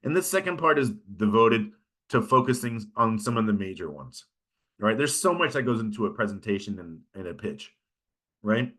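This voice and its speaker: Teaching a workshop on pitching, this Californian instructor speaks with a fairly low, sing-song voice at a moderate pace and a fairly bright tone. His American accent is from California, and he lectures informally and conversationally, regularly checking in with the audience.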